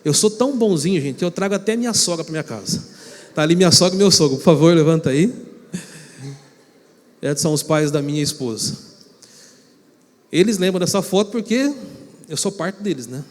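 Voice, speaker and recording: A man from São Paulo state, Brazil, preaching as a pastor and telling a personal story with animated acted-out quotes. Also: fairly high pitch, brisk, pauses often. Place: church sanctuary. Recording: long reverb of a church hall.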